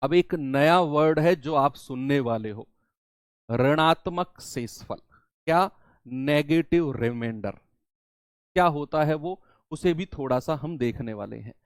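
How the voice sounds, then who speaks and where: In a slow, slightly high voice, a man gives a classroom maths lesson, posing questions to his students and then answering them himself. Every key term comes twice, once in each of two languages, and the studio-quality recording has no echo.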